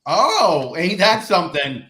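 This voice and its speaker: A man's voice: high-pitched, very animated, slow, pushed and bright. A man co-hosting a casual chat in a campy drag queen manner, full of folksy exclamations. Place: home kitchen, indoors. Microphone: shared camera on video call.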